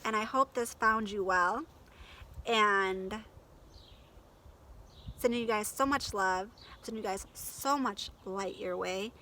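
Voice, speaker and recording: A woman's voice: mid-range voice, slow pace, long pauses, bright, forceful tone, slight background noise. A woman talking in a heartfelt personal vlog, gushing and emotional, with many fillers. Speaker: vlogger.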